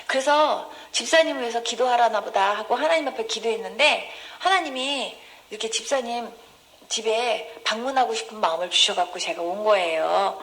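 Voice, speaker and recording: Woman pastor, fairly high voice, emotive testimony sermon, voices the people in her stories. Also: normal speed, a bit bright. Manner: emotive, acts out dialogue with sudden high gasps and cries; addresses congregation directly with questions. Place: church.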